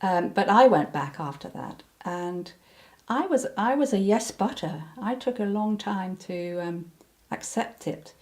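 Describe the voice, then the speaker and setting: A woman's voice: mid-range voice, lively intonation, measured pace, few pauses, a little mellow. An older woman recounting personal memories in an interview, hesitant, with many ums and restarts. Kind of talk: reflective personal recollection.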